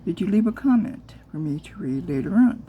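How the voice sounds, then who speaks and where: A soft-spoken woman narrating a casual crafting vlog, keeping her voice low and muttering to herself as she works with her hands. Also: expressive, fairly quick, dull audio, slight background noise. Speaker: crafter making silicone molds.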